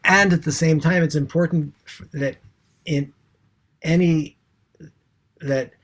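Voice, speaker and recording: A man's voice: fairly high pitch, fairly even intonation, slow pace, a bit bright. A man co-hosting a casual discussion, talking with many hesitant restarts and fillers. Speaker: co-host.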